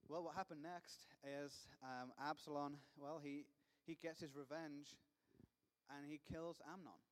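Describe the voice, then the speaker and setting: Male preacher, relaxed conversational sermon delivery, reverberant hall sound. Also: fairly high pitch, unhurried. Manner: conversational, reads with voiced dialogue and asides. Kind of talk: sermon reading scripture aloud. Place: church hall. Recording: long reverb of a church hall.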